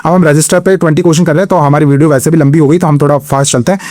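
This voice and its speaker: A man with an Indian accent teaching an exam-prep lecture, mixing Hindi and English, posing his own questions and answering them, reading English questions slowly. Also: fairly high pitch, fairly even intonation, darkish tone. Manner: explains step by step, asks and answers own questions, frequent "theek hai".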